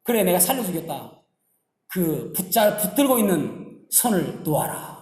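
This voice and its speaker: A man acting out God speaking from above, in a slow, low and calm way, in an echoey church hall. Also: heavily acted. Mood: solemn.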